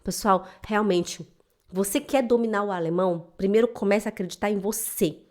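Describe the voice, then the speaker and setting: A woman's voice: medium pitch, normal speed. A woman, a German teacher who speaks emotionally and emphatically straight to her viewers in a motivational vlog. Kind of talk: direct-to-camera motivational vlog. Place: home in Switzerland.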